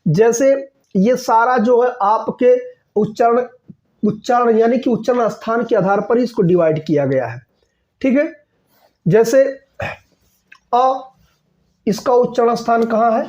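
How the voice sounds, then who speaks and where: A man's voice: very high voice, animated, measured pace, long pauses, a little mellow, dull audio. A man teaching an exam-prep grammar lesson, repeating key points and checking in with his students often. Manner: asks and answers own questions.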